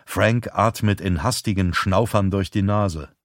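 Brief: steady male audiobook narrator, deep, dry studio sound. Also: unhurried, dry recording. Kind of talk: scripted narration.

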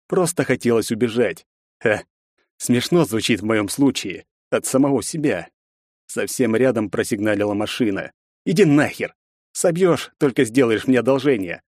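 A man narrating a first-person audiobook in an expressive, gritty storytelling manner. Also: fairly low pitch, no echo, studio quality.

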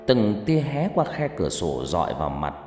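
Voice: low-pitched, very animated, normal speed, a little mellow. A narrator telling a ghost story in dramatic storytelling narration. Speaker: audiobook narrator. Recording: echoey reverb with background music.

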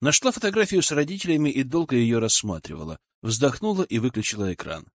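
Brief: male audiobook narrator, lively intonation, dry close sound. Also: mid-range voice, quick pace, no echo. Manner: expressive, animated reading.

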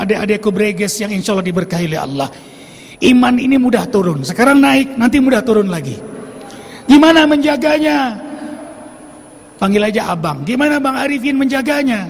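A man's voice: sits high, slightly rough. A man preaching a fervent sermon, calling out to his congregation. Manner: fervent, rousing, calls out to the congregation. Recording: long hall reverb.

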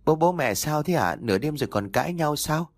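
A man's voice: on the high side, animated, a little fast, dry recording, studio quality, voice pushed up. A man voicing a frightened young village daughter who stammers in alarm, in a narrated story. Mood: worried.

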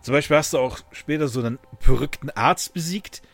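A man's voice: a little high, brisk, creaky, a bit bright, soft background music. A man hosting a casual podcast, talking loosely with many fillers and restarts and laughing often. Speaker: podcast host.

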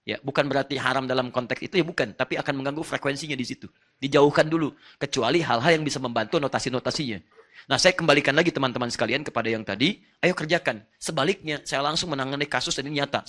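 Animated storytelling male preacher. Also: mid-range voice. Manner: animated storytelling, acts out dialogue. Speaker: Islamic preacher. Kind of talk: sermon with personal stories.

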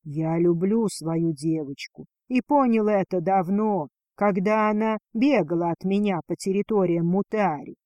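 A woman reading a storybook, voicing a strong, tender male dragon husband in a husky, breathy murmur. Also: medium pitch, a little slow, hardly any pauses, mellow, dry recording, highs cut off, natural voice.

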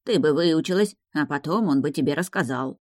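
A woman voicing a timid old male mage teacher in an audiobook, speaking slowly and plaintively. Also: low voice, darkish tone, no echo, studio quality. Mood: sheepish. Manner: slow, plaintive, bleating. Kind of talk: audiobook character reading.

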